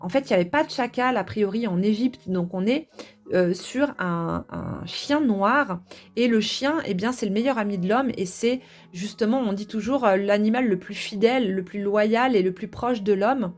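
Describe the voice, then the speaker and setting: A woman giving a tarot reading, speaking gently and chatting to her viewers with many hesitations. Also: mid-range voice, moderate pace. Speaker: tarot reader.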